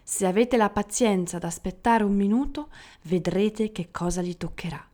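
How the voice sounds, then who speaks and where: A woman's voice: mid-range voice, normal speed, warm tone, natural voice. A woman voicing a stern, knowing male genie of the deserts in a storybook reading.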